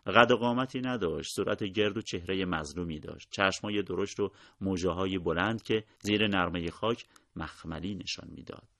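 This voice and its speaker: A man narrating a war memoir in a steady, measured storytelling voice, his sentences often dropping quietly at the end. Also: low-pitched, creaky, no echo.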